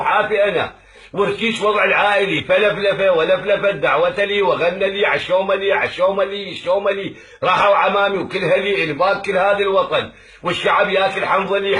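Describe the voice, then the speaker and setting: A man's voice: sits high, fairly bright tone. A man with an Iraqi Arabic accent reciting a satirical poem in a theatrical, rhythmic, sing-song rhyming delivery. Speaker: poetry reciter.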